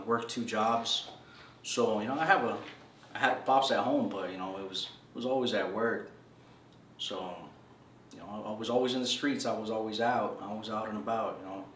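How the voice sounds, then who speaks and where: A man in his thirties from El Salvador tells his life story in a casual, slangy interview, laid-back and saying "bro" a lot. His voice is lowish with a fairly bright tone. He's recorded from a distance in an echoey room, with a little hiss or hum.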